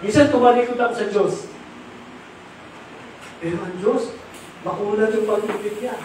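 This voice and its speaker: A man's voice: high voice, normal speed, a little mellow. A middle-aged or older man preaching a sermon, mixing English into his talk and asking the audience questions. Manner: mixes English into Tagalog, asks the audience rhetorical questions. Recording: echoey room from far off, faint noise.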